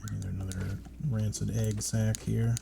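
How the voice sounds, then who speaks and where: A man's voice: fairly low pitch, flat delivery, normal speed, gravelly, background noise. A man giving casual, laid-back let's play commentary, muttering asides to himself as he plays. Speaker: gaming streamer playing and commenting.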